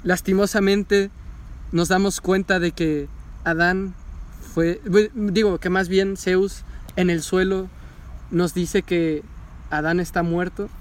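A man, recapping a show with loud, animated enthusiasm. He talks casually and swears freely as the excitement builds. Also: sits high, slow pace. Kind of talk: casual chat recapping an anime.

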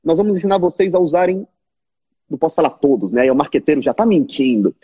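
A Brazilian man who runs an online course, talking to his subscribers on a live stream in a lively, direct way. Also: fairly high pitch, fast, slightly rough, dull audio. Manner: animated, talks straight at viewers, mimics complaining students.

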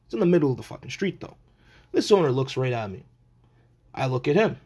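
Male podcast host, medium pitch, casual and blunt, slangy, sweary solo storyteller with an animated ranting delivery. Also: fairly quick, breathy edge.

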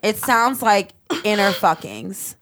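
A woman from the Midwest hosting a podcast, telling stories in casual chat with loud laughs and swearing. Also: mid-range voice, sing-song, takes it slowly. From American Midwest. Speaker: podcast host. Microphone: headphones and studio mic.

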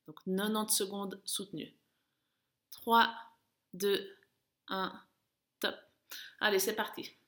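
A woman working as a running coach, guiding an interval session with urging, encouraging calls and countdowns in a creaky voice. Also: medium pitch, little pitch movement, moderate pace, long pauses, a bit bright. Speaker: running coach and podcast host. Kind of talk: guided interval-training coaching. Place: at home, indoors.

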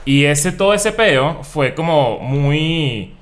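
A man's voice: fairly high pitch, animated, takes it slowly. A man, talking candidly and reflectively in a casual podcast chat and swearing freely.

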